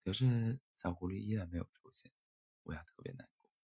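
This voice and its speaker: A man narrating a gentle bedtime-style story in a soft, tender manner. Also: deep voice, a little fast, breathy edge. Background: faint music.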